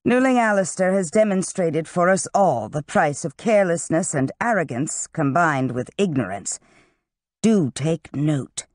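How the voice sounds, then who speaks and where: An audiobook narrator voicing a stern, sardonic male wizard master who walks with canes, raising the pitch for his lines. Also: lively intonation, unhurried, no echo, lightly acted. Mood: scolding. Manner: cutting, scolding.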